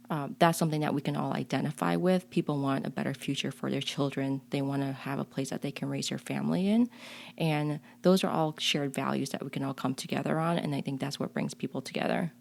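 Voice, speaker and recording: A woman with a low, slightly mellow voice and some vocal fry talks earnestly and thoughtfully in an interview, frequently restarting sentences. A community leader, she was born in a refugee camp on the Cambodia-Thailand border and grew up in Chicago.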